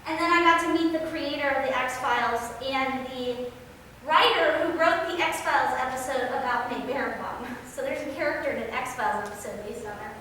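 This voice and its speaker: Speaking at a normal speed, this woman's high-sitting voice comes across bright and forceful. She's a biologist delivering an informal outreach slide lecture in a relaxed, chatty way, masked, in a big echoey room recorded from a distant mic with faint noise.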